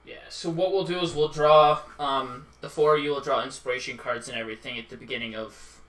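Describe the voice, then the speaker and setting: A man's voice: mid-range voice, fairly even intonation, a little fast, a bit bright, reverberant, recorded from a distance. A man running a tabletop game as game master, laughing often and restarting his sentences.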